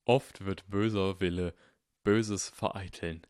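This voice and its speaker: A man voicing an eccentric, kindly old wizard headmaster, speaking softly and unhurriedly. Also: deep voice, fairly even intonation, no echo, clean studio sound. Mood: wry. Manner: soft, unhurried and gently whimsical. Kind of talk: audiobook character voice.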